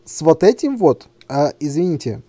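A man's voice: on the high side, big pitch swings, normal speed, dark tone, no room sound. A young man hosting a let's play, chatting casually and ranting with self-mocking frustration about a hard boss fight. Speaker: gaming video host.

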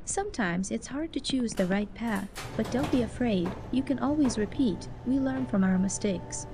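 Actress as encouraging female video game narrator, fairly high voice, measured and reassuring, clearly noisy audio. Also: lively intonation. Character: encouraging female narrator offering gentle life lessons. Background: clear background noise.

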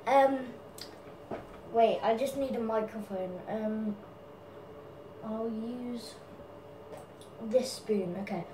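A woman's voice: on the high side, drawn-out words, long pauses, far from the mic, noisy background. A woman answering fan questions in a casual vlog, giggly and apologetic, with lots of ums. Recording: echoey room, from off mic.

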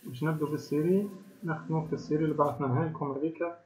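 A male teacher with a Tunisian accent, giving an online class and explaining step by step while quizzing the students. His voice comes through a choppy, low-quality online stream. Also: steady tone, very fast, heavy background noise. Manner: explains step by step, keeps asking the class questions. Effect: choppy, low-quality online stream audio. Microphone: video call. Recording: tinny low-bandwidth online call audio.

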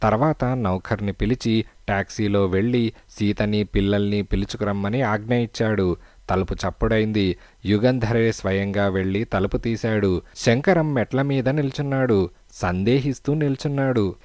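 Man, audiobook narrator, steady measured reading, low voice, dry close sound. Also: no room sound. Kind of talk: scripted story narration.

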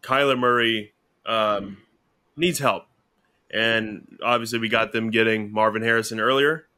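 A man's voice: lowish voice, measured pace. A man co-hosting a casual sports podcast, talking loosely with lots of fillers and restarts. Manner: relaxed, rambling with fillers and restarts. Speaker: podcast co-host.

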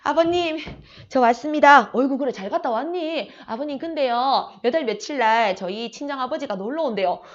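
A woman voicing a young wife who is wise but scorned for her ugliness, speaking softly and politely. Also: high-pitched, lively intonation, brisk. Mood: polite pleading. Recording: slightly muffled audio.

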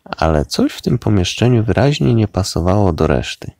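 A man reading a children's bedtime story aloud in a slow, expressive way. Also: fairly low pitch, creaky, no echo, clean studio sound.

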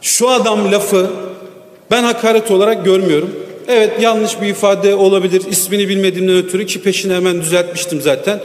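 A man's voice: high voice, steady tone, fast talker. A man speaking into a lectern microphone at the rostrum of a large parliamentary chamber, defensively rebutting accusations point by point. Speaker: member of parliament. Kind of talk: parliamentary floor speech. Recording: echoey large hall with long reverb.

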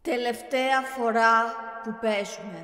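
A young woman giving excitable gameplay commentary, often yelling and scolding her character. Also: on the high side, soft background music. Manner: excitable, yells and scolds the game. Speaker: gaming YouTuber.

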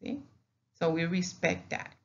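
A woman's voice: fairly low pitch, expressive, measured pace, muffled recording. A woman, a teacher narrating a lesson over slides, who patiently repeats each sound for learners. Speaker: Spanish teacher.

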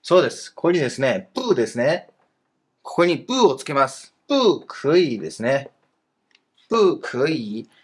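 A man's voice: mid-range voice, sing-song, brisk, husky. A man teaching a Chinese grammar lesson in Japanese, explaining patiently with fillers.

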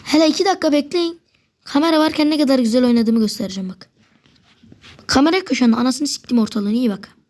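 Foul-mouthed, excitable woman gamer. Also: sits high, fast talker. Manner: excitable, swears a lot, talks to opponents; drops to a whisper at times. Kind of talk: live gameplay commentary.

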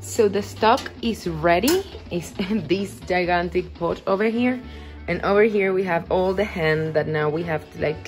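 A woman in her thirties with a Venezuelan Spanish accent, a native Spanish speaker, chatting casually to her phone camera as a cooking vlogger and explaining as she goes. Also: on the low side. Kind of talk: casual vlog. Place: bedroom indoors, then kitchen.

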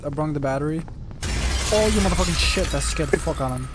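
A man's voice: a little high, fast talker, over loud music. A young man streaming a horror game with friends, scared and panicky, cursing and repeating himself in casual chat. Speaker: gameplay streamer. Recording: game headset chat, loud game ambience.

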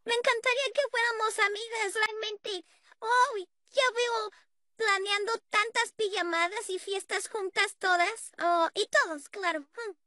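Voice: very high voice, fairly even intonation, measured pace, pushed and bright, no echo, studio quality, exaggerated voice. A performer voicing a bubbly, party-loving girl puppet in a fan dub, talking eagerly and chirpily.

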